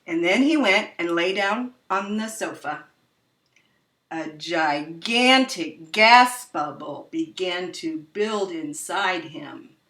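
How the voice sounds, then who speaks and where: A woman reads a children's story aloud with dramatic emphasis, taking her time over the words. Her voice is bright and swings widely in pitch. The recording is roomy and picked up from a distance. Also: lively intonation, slow pace. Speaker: storyteller reading a children's picture book aloud. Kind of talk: expressive read-aloud storytelling. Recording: roomy echo, distant microphone.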